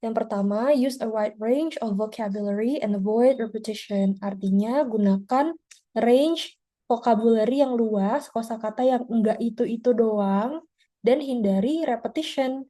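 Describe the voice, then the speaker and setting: Woman IELTS tutor on a video call, mellow tone, higher pitch, chatty explainer. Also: unhurried. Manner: explanatory, chatty, with frequent tag words. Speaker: IELTS teacher. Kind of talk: online class lecture.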